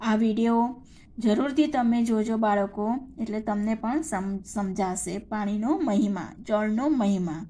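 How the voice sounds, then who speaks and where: A woman's voice: mid-range voice, a little slow, warm tone. A woman teacher with a Gujarati accent, patiently explaining a poem to children and reciting its verses in a sing-song. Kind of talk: slow classroom lesson explaining a poem to children.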